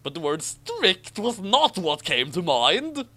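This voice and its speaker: A man reads a story aloud expressively, breaking off for sardonic, mocking asides. His voice is high-pitched, pushed, and bright, with huge pitch swings, and he takes it slowly.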